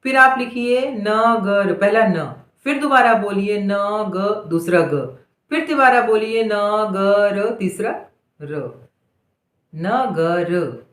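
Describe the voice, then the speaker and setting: A woman teaches a dictation lesson at a very slow, deliberate pace. She sounds out single letters and repeats each word over and over with patient care, and her voice rings in an echoey room. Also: medium pitch, expressive.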